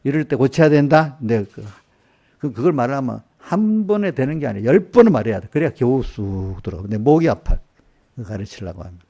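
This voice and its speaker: Korean church pastor, male, gravelly and mellow, chatty sermon delivery that calls on listeners and acts out quotes. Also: mid-range voice, big pitch swings, brisk. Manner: conversational preaching, quizzing congregation by name; acts out voices in quoted asides. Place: church sanctuary.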